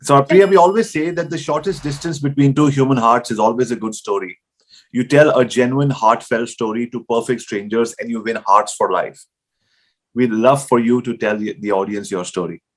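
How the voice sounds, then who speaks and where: A man's voice: mid-range voice, moderate pace. Upbeat male host on a video call. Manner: upbeat, encouraging.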